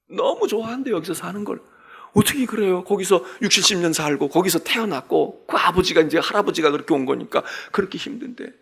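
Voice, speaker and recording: A man's voice: on the high side, creaky, slightly rough. A middle-aged man, a senior pastor, giving an early-morning Lent sermon in a chatty storytelling way and often checking in with the congregation. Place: church sanctuary.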